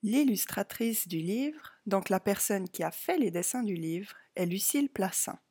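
A woman reading a children's picture book aloud, in a calm, clear storytelling voice. She speaks slowly and gently to a young listener, pitched at an ordinary middle level for a woman. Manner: slow, clear, addressing a child. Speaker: storybook reader.

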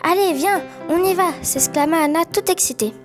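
A high-voiced woman doing an excitable nosy schoolgirl. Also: a little fast, over music, lightly acted. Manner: eager, excited reading. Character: lively nosy young schoolgirl. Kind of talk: amateur storybook reading.

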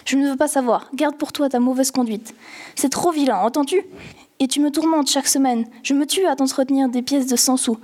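Brief: a woman doing an anxious young shop girl, raised and pleading, soft mellow tone. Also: sits high, normal speed, few pauses, husky. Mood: angry. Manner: anxious, urgent scolding.

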